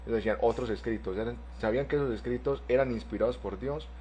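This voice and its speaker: A man teaching an online Bible class, explaining terms step by step and spelling words out slowly. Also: mid-range voice, darkish tone, a little hiss or hum.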